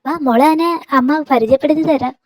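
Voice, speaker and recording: A woman voicing an affectionate middle-aged mother-in-law who pleads and coaxes gently. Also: high voice, brisk, dry recording, close to an everyday voice.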